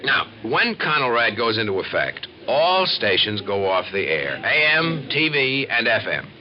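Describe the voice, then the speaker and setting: An American man plays an earnest, confident civil defense expert narrating and explaining in a 1950s radio documentary, with a folksy, emphatic, explanatory manner. His mid-range voice is very animated yet unhurried. The recording is a dull old radio capture with music.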